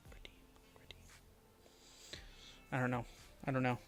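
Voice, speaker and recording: A man's voice: medium pitch, a little slow. Man murmuring names over and over. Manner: mutters and repeats made-up names to test them; often drops to a quiet murmur. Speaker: streamer building a fantasy world. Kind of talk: casual live-stream thinking aloud.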